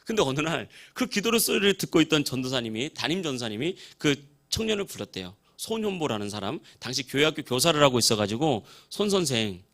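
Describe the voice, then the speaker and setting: Animated, quick-talking male pastor. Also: medium pitch. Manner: animated, acts out the people in his story. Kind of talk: sermon storytelling.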